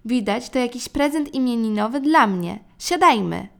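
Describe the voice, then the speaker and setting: Cheerful magic mum from a storybook, woman reading her, lively, a bit gravelly. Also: fairly high pitch, normal speed. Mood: delighted. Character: cheerful magical mother of a family.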